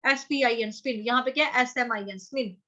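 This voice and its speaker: High bright lady teaching kids to chant sanskrit, repeats syllables slow, kinda dull lo-fi sound. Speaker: Sanskrit recitation teacher for children. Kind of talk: online chanting lesson, explaining word by word.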